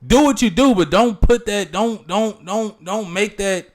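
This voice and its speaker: A man's voice: sits high, unhurried. A young man co-hosting a podcast in casual chat, emphatic and teasing, leaning on catchphrases like "you feel me". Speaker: podcast co-host.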